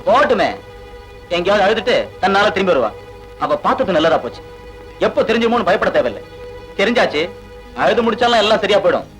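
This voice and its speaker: A man's voice: high-pitched, expressive, fast, long pauses, fairly bright tone, rough recording. An actor playing a callous, domineering husband who brushes off his wife's grief with contempt. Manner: contemptuous, blustering. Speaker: unfaithful husband. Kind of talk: 1980s Tamil film acting. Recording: film soundtrack with music behind.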